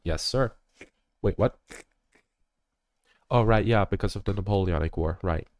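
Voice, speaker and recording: A man's voice: low voice, unhurried, darkish tone, no echo. Rambling young male game streamer. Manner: rambling, jokey, many fillers. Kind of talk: casual live-stream commentary.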